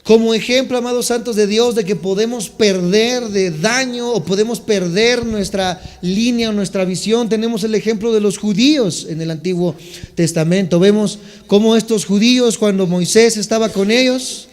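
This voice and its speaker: During a sermon in a church sanctuary, a pastor explains the meanings of words from scripture and asks his congregation to answer back. His voice is high for a man yet darkish in tone, and he speaks at normal speed. A long reverb from the hall fills the sound.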